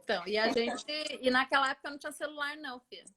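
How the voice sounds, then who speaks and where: A woman hosting a casual chat, relaxed and brief, sharing a short anecdote. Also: sits high, very fast. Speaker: host.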